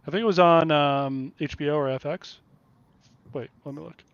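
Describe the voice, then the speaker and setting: A man's voice: fairly high pitch, fairly even intonation, normal speed, smooth, dry recording. Blunt, profane podcast host guy. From Kansas City area, USA. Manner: profane, blunt, laughs a lot. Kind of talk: casual chat. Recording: dull lo-fi dry sound.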